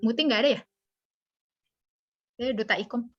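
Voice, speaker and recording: This public speaking instructor runs an informal, interactive lesson online, keeping things playful, jokey and colloquial. She speaks at a normal speed in a voice on the high side. The video call audio comes through dull and band-limited.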